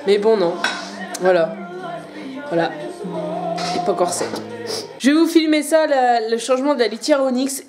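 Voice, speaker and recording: A woman's voice: on the high side, animated, moderate pace, pauses often, over music. A young woman chatting casually and hesitantly to her handheld camera at home, rambling as a vlogger. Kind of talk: casual vlog chat. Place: at home indoors.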